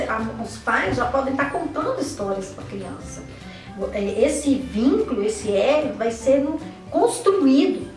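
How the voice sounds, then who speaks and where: A Brazilian teacher and educator with a Brazilian Portuguese accent gives an online lesson to parents and teachers in a high-pitched voice. She teaches didactically, asking questions and answering them herself, often checking in with "né?", "tá?" or "right?". The sound is roomy and recorded from a distance.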